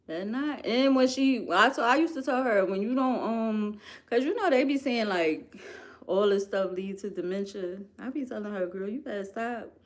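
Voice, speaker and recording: An animated woman with a Philadelphia accent talks casually straight to her viewers, leaning hard on her points and repeating them for effect. Her voice sits at an ordinary middle pitch for a woman. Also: moderate pace. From United States. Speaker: vlogger. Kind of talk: casual chat to camera.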